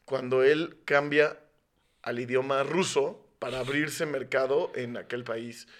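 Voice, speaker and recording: A man's voice: mid-range voice, fairly even intonation, measured pace. A man with a Mexican accent co-hosting a podcast in casual, slangy, joking chat. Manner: slangy, joking, steering toward context. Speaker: podcast co-host.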